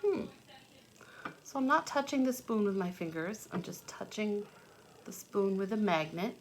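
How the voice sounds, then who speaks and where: Her medium-pitched voice is expressive and her pace measured as she reads aloud and demonstrates for young children. She explains simply and step by step, thinking aloud, on a homemade video with noticeable background noise.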